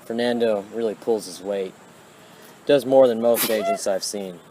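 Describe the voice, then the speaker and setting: A man acts out a fiercely loyal special-ops soldier in a homemade comedy sketch. His voice is fairly low and his delivery solemn and self-serious. Faint noise sits behind him. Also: normal speed, close to an everyday voice. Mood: approving. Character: earnest, fiercely loyal male special-ops war hero. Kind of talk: amateur comedy role-play. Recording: amateur recording with faint noise.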